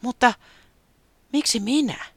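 A storyteller voicing an excitable festive bird who gets eager and stammers when startled. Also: medium pitch, creaky, husky, no room sound, voice pushed up.

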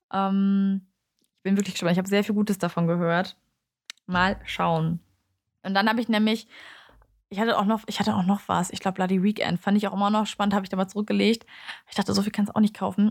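A young adult woman who speaks German natively gives a casual, chatty book review, candid and informal, often correcting herself. Her voice is medium-pitched and creaky.

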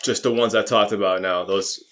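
A man's voice: on the low side, steady tone, normal speed, fairly bright tone. A man co-hosting a casual podcast, thinking aloud in a rambling, self-correcting way and laughing often. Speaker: podcast co-host. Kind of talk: casual brainstorming chat.

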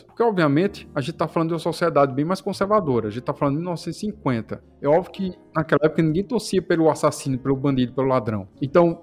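A man hosting a casual film discussion, retelling scenes with lots of rhetorical questions. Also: fairly high pitch. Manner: animated storyteller, asks rhetorical questions. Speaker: podcast host.

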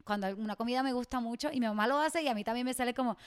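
A young Puerto Rican woman co-hosting a podcast, talking at a rapid clip with a high voice. She is slangy and animated, and her tone stays smooth and clear. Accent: Puerto Rican Spanish. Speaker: podcast co-host. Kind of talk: casual chat.

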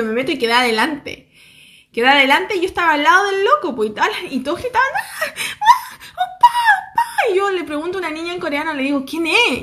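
A young Chilean woman with a Chilean accent, telling a story to her viewers in a lively, slangy way and acting out what people said. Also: high voice. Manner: animated, laughing, slangy, acts out quotes. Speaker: vlogger.

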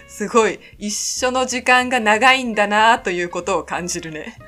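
A woman's voice: mid-range voice, moderate pace, pushed and bright, soft background music. A woman from Sapporo chatting casually as a podcast co-host, attentive and agreeable in how she responds. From Sapporo, Japan. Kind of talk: casual chat.

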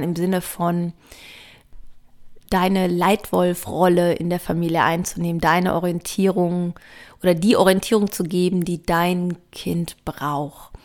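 Female podcast host, low voice with vocal fry, calm and earnest advice-giver. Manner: earnest, reflective, lists points calmly. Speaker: podcast host and parenting author. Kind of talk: advisory podcast monologue.

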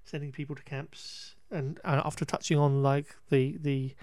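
A man's voice: on the high side, level tone, normal speed, darkish tone, no room sound, clean studio sound. Wry, rambling man on a podcast. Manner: rambling, wry and exasperated, with frequent restarts and laughs; occasional swearing. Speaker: podcast host recapping a film. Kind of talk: casual chat.

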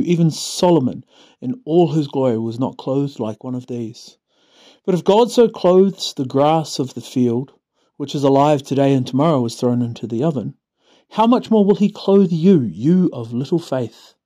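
Mellow New Zealand man reading scripture. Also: mid-range voice, animated, normal speed. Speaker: school staff member giving a Bible reading.

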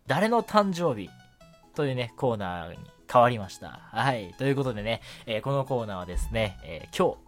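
A man hosts a night radio show alone, chatting casually and politely about anime and manga over soft background music. His mid-range voice moves fairly quickly with big pitch swings, and he peppers his talk with short affirmations.

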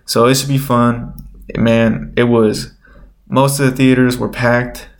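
A man hosts an unscripted solo podcast, rambling informally and thinking aloud in casual chat. His mid-range voice is nasal and slightly stuffed-up, with a level tone and a slow pace.

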